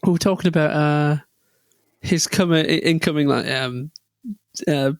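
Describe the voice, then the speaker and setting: A man with a high voice co-hosts a loose podcast chat. He rambles jokily from tangent to tangent and restarts his sentences often. The sound is dry and close. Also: moderate pace, clean tone, no room sound. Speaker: podcast co-host. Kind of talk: casual chat.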